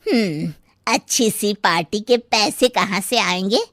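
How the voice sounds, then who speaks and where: A woman voicing a stingy, greedy mother-in-law who grumbles and complains slowly in an animated story. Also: medium pitch, no echo, studio quality, close to an everyday voice. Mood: grumbling.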